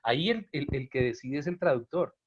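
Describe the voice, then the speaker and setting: A man's voice: mid-range voice, lively intonation, fairly quick, breathy edge. Man giving a lo-fi Bible talk. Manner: conversational, often checks in with listeners; acts out quoted lines with sudden emphasis. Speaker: Bible teacher. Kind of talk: informal Bible talk to a group. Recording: dull lo-fi recording.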